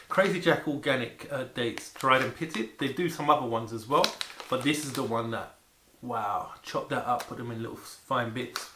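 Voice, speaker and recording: A man chatting casually and excitedly to camera about food, rambling and repeating words for emphasis. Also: medium pitch. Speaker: vlogger presenting food to camera. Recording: echoey room with faint background noise.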